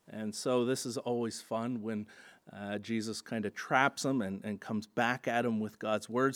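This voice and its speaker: A man preaching a sermon in an earnest teaching tone, often starting with "and so" and pausing on "uh". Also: medium pitch, fairly bright tone. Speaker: pastor.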